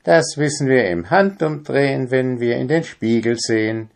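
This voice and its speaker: A man's voice: medium pitch, animated, normal speed, creaky, pitched above the performer's own voice. A storybook owl who grumbles and sets the others straight, speaking in a raised, dry, matter-of-fact voice, as a man puts him on. He sounds mildly put out. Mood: grumbling. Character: grumbling know-it-all owl.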